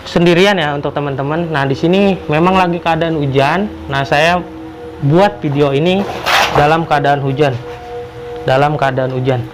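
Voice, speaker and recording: A man with a slightly high voice narrates an exploration vlog. He speaks haltingly to his viewers and often repeats his phrases. Music plays behind his voice. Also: poor audio. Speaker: vlogger exploring abandoned houses. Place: abandoned roofless house and overgrown grounds in drizzle.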